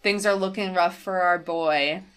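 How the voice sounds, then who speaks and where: A woman's voice: fairly low pitch, steady tone, a little slow, clear, resonant tone. A woman co-hosting a podcast, recapping episodes in casual chat and acting out quoted lines with sudden bursts. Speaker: podcast co-host.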